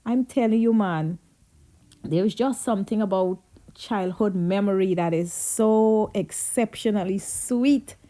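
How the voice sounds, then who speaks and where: A Guyanese woman vlogs about her childhood in a mid-range, unhurried voice with a dark tone. She reminisces in a chatty, casual way, shifting into Creole now and then.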